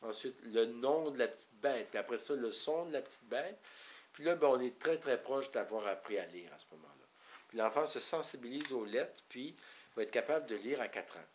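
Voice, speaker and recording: A man's voice: medium pitch, expressive, normal speed, a little hiss or hum. A man with a Québécois French accent giving an informal, rambling talk to parents, explaining step by step with frequent restarts. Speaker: parenting educator.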